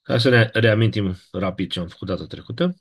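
Husky low-voiced Romanian man teaching Latin. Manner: measured, explanatory, checks in with "da?". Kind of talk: classroom lecture.

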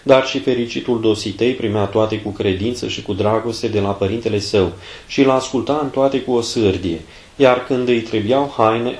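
A man narrating a saint's life aloud in a measured, solemn reading. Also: mid-range voice, darkish tone, echoey room.

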